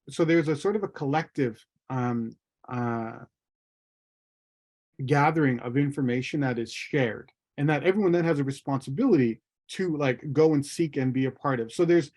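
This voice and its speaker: A man's voice: mid-range voice, darkish tone. A man from Somalia speaking as a panelist in an online discussion, thoughtful and often repeating words as he starts a point. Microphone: video call.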